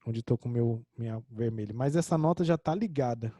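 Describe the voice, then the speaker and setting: A man's voice: mid-range voice, fairly quick, warm tone, no echo. A man with a Brazilian Portuguese accent teaching an online music theory lesson, explaining a score step by step and singing short examples.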